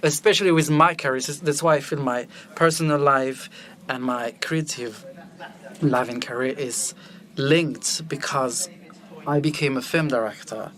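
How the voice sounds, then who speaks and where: Unhurried and a bit bright in a mid-range voice, a French-speaking film director from Belgium opens up as a guest about his life. The conversation is candid and personal, and he stays animated and quick to laugh.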